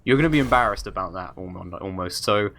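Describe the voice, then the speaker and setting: A man's voice: low voice, lively intonation, fast talker, fairly bright tone, a little hiss or hum. A man casting an esports match, talking through the game in a chatty, rambling way. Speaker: esports commentator. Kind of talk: casual esports commentary.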